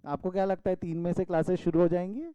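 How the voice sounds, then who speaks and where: A man's voice: high voice, level tone, quick pace, dark tone, clean tone, dry recording, dull audio. A male commerce teacher from India giving an online class lecture over a video call, calling students "beta" and scolding them playfully.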